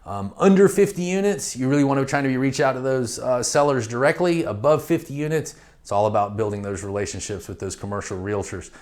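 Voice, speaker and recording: A man's voice: medium pitch, a little fast, a little mellow. A middle-aged man giving a training lecture on real estate investing, talking directly and conversationally and acting out phone calls to realtors.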